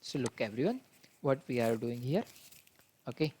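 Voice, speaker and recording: A man's voice: medium pitch, expressive, warm tone, a little hiss or hum. Patient male lecturer explaining step by step. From India. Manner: patient, explains step by step and calls students "beta"; reads exam questions out slowly. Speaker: college lecturer. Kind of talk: programming lecture to students.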